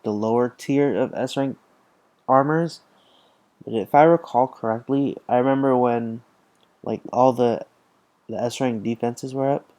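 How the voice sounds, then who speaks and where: Young male gaming host, sleepy rambling commentary, warm mellow tone. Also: mid-range voice. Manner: rambling, tired, lots of fillers and restarts. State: tired, yawning. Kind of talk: casual gameplay commentary.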